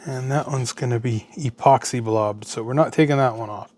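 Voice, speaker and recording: Here the teardown host is an American man with a medium-pitched, darkish voice at a normal speed, talking to himself as he works at his indoor bench. His unscripted remarks are casual, short and trail off. Noise is clearly audible in this home recording, and at times he moves away from the mic.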